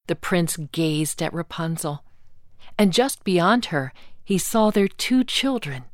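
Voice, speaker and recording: Slow, calm woman reading a fairy tale. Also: lowish voice, dry recording, clean studio sound. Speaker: storyteller. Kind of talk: scripted storybook narration.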